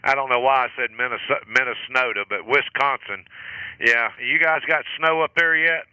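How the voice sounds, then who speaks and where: A man's voice: mid-range voice, moderate pace, background noise. A man hosting a ham radio net, chatting casually and calling out call signs with an easy chuckle. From southern United States. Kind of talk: casual on-air radio chat. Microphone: station microphone.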